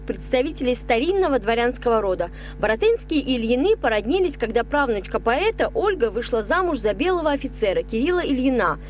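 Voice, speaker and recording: A woman's voice: high-pitched, a little hiss or hum. A woman reading a scripted television news report as a reporter's voice-over.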